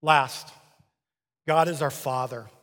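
A man preaching a sermon as a pastor, animated and emphatic, repeating phrases to drive them home. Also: medium pitch, slow pace. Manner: animated, acts out little dialogues, repeats for emphasis. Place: church sanctuary. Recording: long reverb of a large hall.

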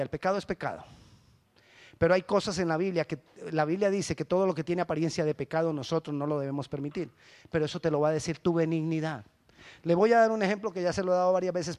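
A middle-aged male pastor preaching a sermon, lively and emphatic, acting out the church members he quotes. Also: a little high. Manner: animated preaching, rising to loud emphatic peaks.

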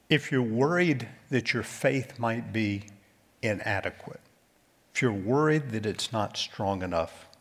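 Slow, husky-voiced male preacher. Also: mid-range voice. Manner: slow, deliberate preaching with quiet emphatic drops. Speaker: pastor. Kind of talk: sermon.

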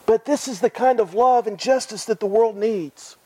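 A man's voice: high-pitched, normal speed, mellow, dry recording, rough recording. A man preaching a sermon in an earnest way, repeating phrases and asking his listeners direct questions.

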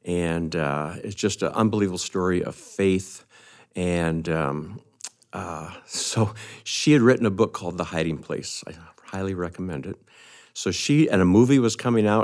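A man's voice: low-pitched, moderate pace, a little mellow. An older man, a pastor, telling a self-deprecating story on a podcast.

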